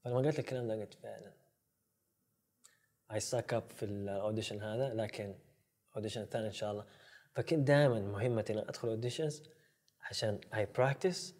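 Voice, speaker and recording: A man's voice: fairly low pitch, fast, long pauses, darkish tone. A man, an actor, talking earnestly as a guest and slipping English words into his speech. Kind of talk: casual storytelling chat.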